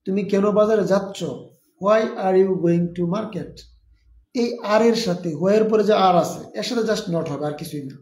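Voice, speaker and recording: High-voiced man teaching English in an echoey room. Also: a little mellow. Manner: explains step by step, repeating example sentences. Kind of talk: live online lesson.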